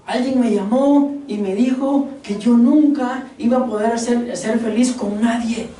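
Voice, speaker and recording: A woman's voice: on the high side, fairly even intonation, a little slow, dark tone. A woman preaching a sermon, firing rhetorical questions and calling the congregation her beloved brothers. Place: church hall. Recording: echoey hall, voice from far off.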